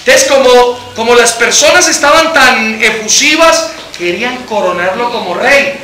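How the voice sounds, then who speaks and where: Animated, very high, bright-voiced teacher. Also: male voice, normal speed, slight background noise. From Colombia. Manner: animated, questions the congregation, reads scripture dramatically. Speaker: Bible study teacher. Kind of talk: church Bible study teaching. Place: church hall. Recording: echoey church hall.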